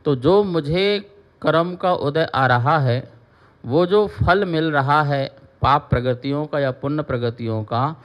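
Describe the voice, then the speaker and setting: A man, a Jain monk, teaches scripture in a slow, unhurried voice that sits a little high. He chants verses with deliberate care, then explains each term, repeating it and asking his listeners questions.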